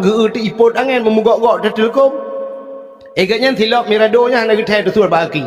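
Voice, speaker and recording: A man with an Acehnese accent preaching a humorous sermon, telling stories in a lively way with sudden shouts. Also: sits high. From Aceh, Indonesia. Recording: long hall reverb.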